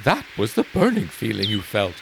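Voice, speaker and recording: A man's voice: lowish voice, wildly swooping pitch, moderate pace, very noisy, exaggerated voice. A man voicing a proud, prickly talking owl in an audio drama, haughty and scornful. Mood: brisk, dismissive. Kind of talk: dramatic audio fiction acting. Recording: clear birdsong and outdoor ambience behind. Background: birdsong, outdoor ambience.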